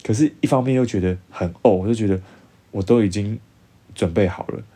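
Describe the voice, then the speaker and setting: Young man, Taiwanese Mandarin accent, low voice, animated casual storyteller. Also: fairly quick. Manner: animated, acts out dialogue in changed voices. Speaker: vlogger.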